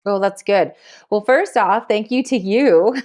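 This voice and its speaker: A woman's voice: mid-range voice, measured pace, darkish tone. A woman guest on a podcast interview, talking energetically and chattily, often breaking into laughter. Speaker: guest, marketing agency CEO.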